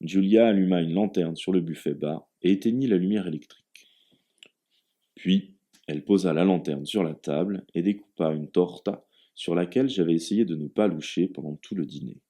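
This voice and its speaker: A man reading a novel aloud as an audiobook in calm, measured narration. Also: low voice. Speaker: audiobook reader. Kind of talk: scripted narration.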